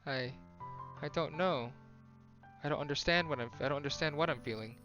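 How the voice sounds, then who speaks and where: A man voicing a shy, anxious teenage girl in love, speaking softly and haltingly. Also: a little high, dull audio, faint music behind. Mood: sad, unsure. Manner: soft, hesitant, halting.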